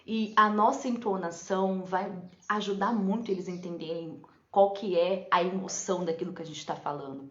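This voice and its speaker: A woman's voice: on the low side, steady tone, moderate pace, a bit bright. A woman teacher giving a casual live talk on teaching for parents and teachers, chatty and often checking in with "né?". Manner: chatty, often adds "né?" and laughs. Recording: echoey room, slightly dull lo-fi sound.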